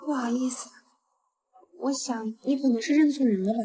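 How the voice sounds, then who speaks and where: A woman's voice: high-pitched, normal speed, mellow, lightly acted. An actress playing a spirited young woman entertainer in a short web drama.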